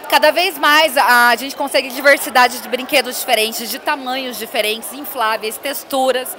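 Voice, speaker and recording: A woman's voice: sits high, steady tone, moderate pace, bright, forceful tone, some chatter behind, slight background noise. A woman in her thirties, a bold and teasing guest, speaking confidently into a handheld mic at a busy indoor fair. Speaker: interview guest, professional dominatrix. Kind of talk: casual on-location interview. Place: busy indoor expo hall. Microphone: interviewer's handheld mic.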